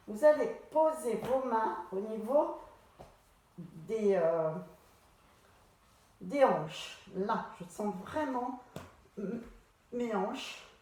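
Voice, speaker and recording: A woman guides a pilates session at an unhurried pace, calling out each breath and movement in turn. Her voice rings in a very echoey room. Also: on the high side. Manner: calm step-by-step cueing of breath and movement. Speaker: pilates instructor. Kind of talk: guided exercise class instruction.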